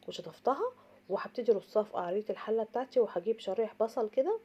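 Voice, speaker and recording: Fast-talking Egyptian woman, slightly tired voice. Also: on the high side, breathy edge, highs cut off. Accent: Egyptian Arabic. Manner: chatty, repeats and emphasizes points, addresses viewers directly. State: slightly tired voice from oncoming cold. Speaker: home cooking show host. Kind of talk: informal step-by-step cooking tutorial.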